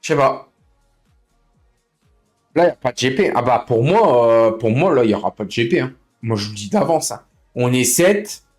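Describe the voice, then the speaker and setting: A man's voice: medium pitch, darkish tone. A man chatting casually on a live gaming stream, complaining in slangy, informal speech and repeating himself as he goes. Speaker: livestreamer running an online racing league. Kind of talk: casual live stream chat with other players.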